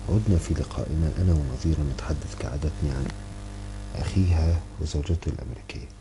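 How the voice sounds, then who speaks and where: A man narrating a literary audiobook in a brisk, even storytelling manner. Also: rumbling low, background noise.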